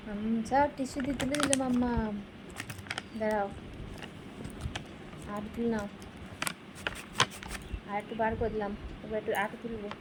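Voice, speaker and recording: A woman's voice: fairly high pitch, noisy background. A mother talking sing-song baby talk to her baby while filming at home.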